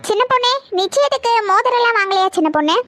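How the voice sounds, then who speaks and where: A woman voicing an excitable, chatty village auntie in a cartoon, talking fussily and repeating herself. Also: very high voice, rapid-fire, dry recording, studio quality, exaggerated voice. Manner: fussy, repetitive, excitable.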